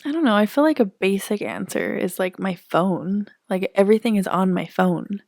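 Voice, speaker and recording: A young woman co-hosting a podcast in casual chat, talkative, full of "like" and quick laughs. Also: mid-range voice, gravelly, a little mellow, no echo, clean studio sound. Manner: chatty, fillers like "like", laughs often. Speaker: podcast co-host.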